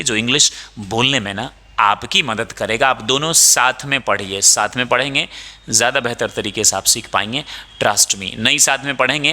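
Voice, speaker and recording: A man teaching a spoken English lesson, drilling the sounds slowly and deliberately. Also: medium pitch, pushed and bright, in a large hall.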